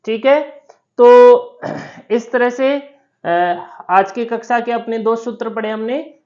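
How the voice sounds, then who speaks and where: A woman lectures on grammar at a slow, deliberate pace. She repeats key terms and poses questions to her students before answering them. The audio is somewhat dull and lo-fi. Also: a little high, fairly even intonation, mellow. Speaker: Sanskrit grammar teacher. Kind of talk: classroom lecture.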